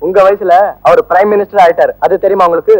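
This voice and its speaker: A man's voice: sits high, fairly even intonation, quick pace, a little mellow, natural voice, poor audio. An actor playing a defiant young male student who answers his teacher back with cool insolence in a film scene. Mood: mocking. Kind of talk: 1980s film acting.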